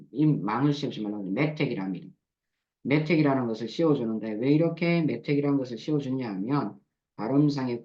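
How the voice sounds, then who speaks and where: A man teaching a grammar lesson, patiently breaking words into syllables and repeating them slowly for drill. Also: medium pitch, warm tone, muffled recording. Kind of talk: recorded lecture explaining verb forms.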